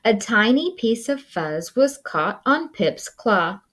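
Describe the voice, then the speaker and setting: With a fairly high pitch and a slow pace, this woman, a school librarian, performs a children's picture book aloud in an expressive, dramatic storytelling style.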